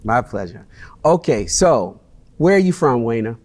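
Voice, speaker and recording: A man hosting a relaxed interview show, upbeat and affirming, often answering with short mm-hmms. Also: mid-range voice, measured pace. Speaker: host. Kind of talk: interview host chat.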